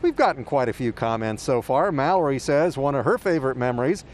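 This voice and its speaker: A man's voice: mid-range voice, sing-song, fairly quick, a little hiss or hum. A man co-anchoring a morning news show, sharing memories in friendly, anecdotal studio chat.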